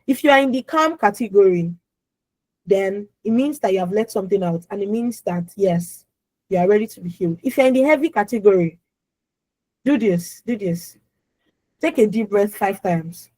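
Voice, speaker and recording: A young adult woman hosting an online emotional healing session, reassuring attendees, calling them by name and pleading with them gently. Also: mid-range voice, lively intonation, moderate pace, no echo, poor audio. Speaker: conference host and emotional healing coach. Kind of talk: live online coaching session. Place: online video call.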